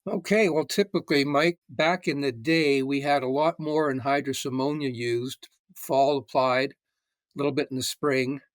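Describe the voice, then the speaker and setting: Canadian man, sixties, retired agronomist guest, measured and explanatory, dry close sound. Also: mid-range voice, fairly even intonation, dry recording. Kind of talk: casual interview.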